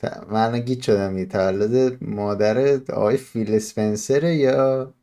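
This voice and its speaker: A man's voice: fairly low pitch, fairly even intonation, warm tone. A man hosting a podcast in casual, bantering chat. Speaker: podcast host.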